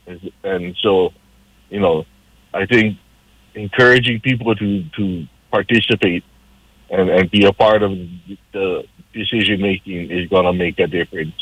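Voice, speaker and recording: With a low, husky, somewhat bright voice held at a steady tone and normal speed, a council candidate from Hawaii talks casually as a radio guest. He comes across as earnest, persuasive, and civic-minded, recorded with no room sound in slightly dull lo-fi quality.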